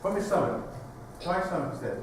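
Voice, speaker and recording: A man's voice: high-pitched, animated, quick pace. A man on a convention panel, coaching a volunteer in voice acting, chatty and encouraging. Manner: chatty, encouraging, laughing easily. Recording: echoey convention hall from far off, noisy.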